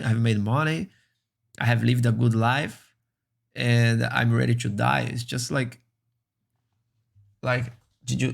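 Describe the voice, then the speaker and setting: A streamer whose first language is Brazilian Portuguese reacts to a video in English, speaking earnestly but haltingly with many restarts. His voice sits in the mid range and carries vocal fry.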